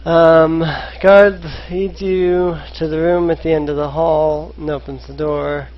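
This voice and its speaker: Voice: mid-range voice, flat delivery, slow pace. A dungeon master narrating a tabletop game, hesitant and full of filler sounds, in a dull lo-fi recording.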